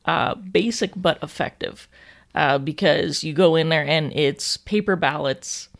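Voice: mid-range voice, unhurried, vocal fry. A podcast co-host, explaining things in casual chat with many restarts. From Canada.

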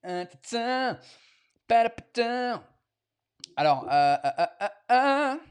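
A man's voice: extremely high pitch, very animated, slow pace, smooth. Swearing bilingual comedian host, man. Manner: mixes French and English, swears freely. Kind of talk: casual bilingual live chat.

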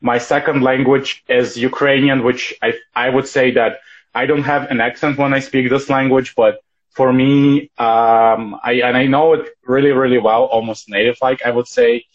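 A man of medium pitch, with little pitch movement and a normal speed, answers interview questions in English, though his first language is Russian. As the guest in a casual interview, he is fluent and thoughtful with a few restarts, and the recording sounds dull and lo-fi.

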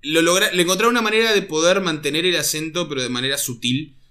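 Rioplatense male co-host, a touch higher pitch, relaxed bilingual stream banter. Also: fast talker. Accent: Rioplatense Spanish. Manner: switches freely between Spanish and English. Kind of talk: casual chat.

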